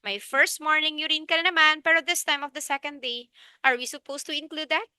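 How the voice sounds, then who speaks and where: A woman's voice: high-pitched, a little fast, pushed and bright, dry recording. A woman with a Filipino accent giving a review lecture, asking questions and answering them herself and repeating the key points. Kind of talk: review lecture mixing Tagalog and English.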